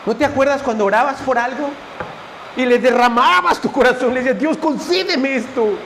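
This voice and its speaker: A man's voice: very high voice, fairly quick, a bit bright, slight background noise. A man preaching a fervent sermon at a church service, speaking straight to his congregation. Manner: fervent, directly addressing the congregation as brothers.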